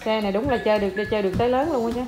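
A woman with a Southern Vietnamese accent films her small child, teasing and coaxing in a playful, slightly high voice. She addresses her viewers directly and mixes English words into her talk, with clear music playing in the background. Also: very fast. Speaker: mother filming her toddler. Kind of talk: casual home video chat.

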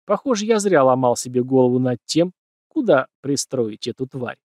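A man's voice: medium pitch, expressive, moderate pace, darkish tone, no room sound, studio quality. A man narrating a first-person crime story as an audiobook, acting out bits of dialogue.

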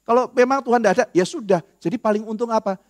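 A man giving a casual, animated classroom lecture on apologetics, talking straight to his listeners. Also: high voice, fast talker. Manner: animated, conversational, addresses listeners directly.

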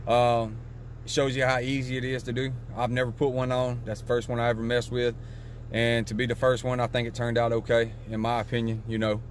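A man's voice: mid-range voice, a little hiss or hum. Laid-back man, a bit out of breath. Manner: laid-back, chatty, talks straight to viewers. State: a little out of breath. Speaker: car vlogger. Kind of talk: casual how-to vlog outro.

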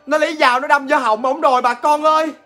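A man's voice: very high-pitched, steady tone, fast, bright, forceful tone, faint music behind, voice pushed up. A man voicing a panicked older mother screaming for help in a ghost story. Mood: frantic. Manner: shrieking, wailing.

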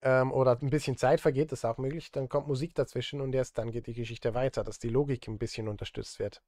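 A Swiss streamer and film composer chats casually on a live stream while composing in his indoor setup, tossing in self-deprecating, joking asides. His medium-pitched, mellow voice is fairly even in intonation, and he talks fast. There is no echo.

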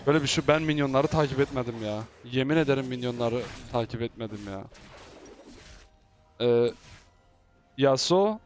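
Excitable man commentating gameplay. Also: mid-range voice, normal speed, long pauses, faint music behind. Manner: excitable, shouting and teasing while playing. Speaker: gaming YouTuber.

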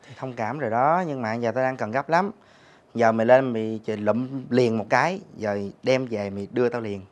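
A man's voice: mid-range voice, normal speed, close to an everyday voice. A young man with a Southern Vietnamese accent, playing a student who insists his friend repay him. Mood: insistent. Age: young adult. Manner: insistent, cursing. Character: demanding young male student owed money. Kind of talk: web sitcom acting.

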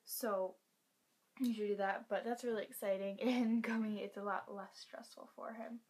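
A teenage girl giving a casual vlog update from home, speaking in a hushed half-whisper and rambling with fillers. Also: mid-range voice, steady tone, moderate pace. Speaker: pet vlogger.

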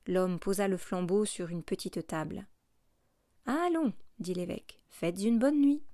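A woman reading a classic novel aloud as an audiobook narrator, in a steady, measured way. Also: lowish voice, no echo, clean studio sound.

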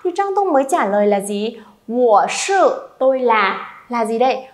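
A woman's voice: fairly high pitch, big pitch swings, moderate pace. A woman, teaching a beginner Chinese lesson and coaxing students to repeat aloud.

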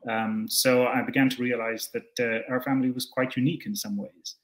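A man's voice: medium pitch, little pitch movement, fairly quick. Young Scottish man on a video call. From Scotland. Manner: thoughtful, hesitant, many fillers and restarts. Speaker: interview guest. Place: indoor room at home.

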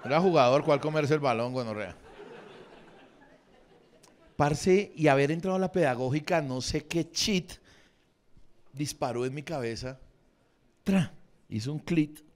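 A man's voice: fairly high pitch, lively intonation, unhurried, long pauses. A man in his forties with a Bogotá accent, doing improvised, crude stand-up and bantering with the audience. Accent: Bogotá Spanish. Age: 40s. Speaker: stand-up comedian. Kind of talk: improvised stand-up crowd work. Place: comedy venue with a live audience.

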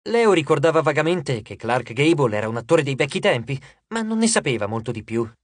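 Brief: male audiobook narrator, animated swooping delivery, dry close studio sound. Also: mid-range voice, a little fast, dry recording. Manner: expressive storytelling. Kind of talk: scripted narration.

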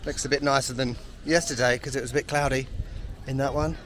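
A man's voice: mid-range voice, fairly even intonation, brisk, a bit bright. Guy walking around town talking to the camera, dry jokes at his own expense, faint traffic behind. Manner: wry, self-deprecating asides. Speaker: travel vlogger. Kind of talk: casual walking commentary. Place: outdoors on city streets. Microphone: camera mic while walking. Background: faint street and traffic noise.

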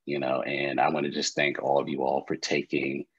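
A man's voice: very deep voice, flat delivery, moderate pace, breathy edge. A man giving earnest, grateful closing remarks as a guest speaker on a video call. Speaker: guest speaker, founder of a career organization. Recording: muffled lo-fi audio.

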